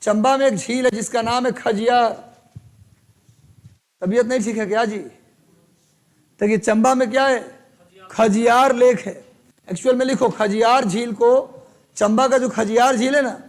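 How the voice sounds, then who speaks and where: A man from Bihar leads a live online exam-prep lesson. His voice sits very high for a man. He dictates notes slowly, repeating each phrase, and drops chatty asides to his students. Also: fairly even intonation. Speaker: teacher.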